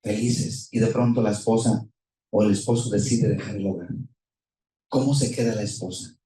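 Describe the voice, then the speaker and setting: A man preaching a sermon as pastor, impassioned, swinging between loud peaks and quiet passages, asking his listeners many questions. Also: fairly low pitch, fairly even intonation, normal speed. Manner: impassioned, rising and falling, rhetorical questions. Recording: echoey room, voice from far off.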